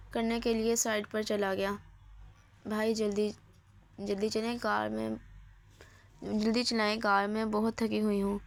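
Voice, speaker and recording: A woman's voice: on the high side, gravelly, dry recording. A woman reading a romance novel aloud as narrator, voicing every character's lines in her own voice.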